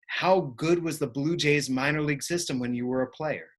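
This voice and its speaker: A man interviewing a guest for a baseball team, asking clear, upbeat questions. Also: a little high, moderate pace.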